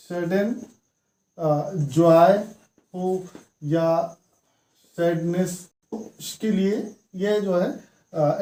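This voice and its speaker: A man's voice: high voice, dark tone. A man teaching English grammar in a step-by-step classroom lesson, repeating his key words as he explains. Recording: echoey room.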